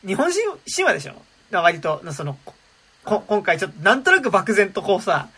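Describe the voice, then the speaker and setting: A man's voice: high voice, huge pitch swings, fast talker, pushed and bright, slightly rough. A man chatting casually as a podcast panelist, rambling with many fillers and restarts and laughing asides. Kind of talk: casual chat about a film.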